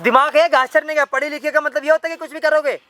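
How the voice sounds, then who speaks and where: A man's voice: extremely high pitch, steady tone, quick pace, pushed and bright, slight background noise. A man playing an indignant mediator in a staged skit, lecturing and reproaching a family. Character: indignant man scolding a modern bride. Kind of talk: improvised street skit acting.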